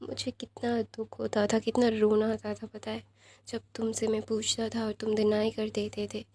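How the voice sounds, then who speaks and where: A woman's voice: a little high, completely flat delivery, normal speed, darkish tone, close to an everyday voice. A woman voicing a heartbroken young man who pleads and protests.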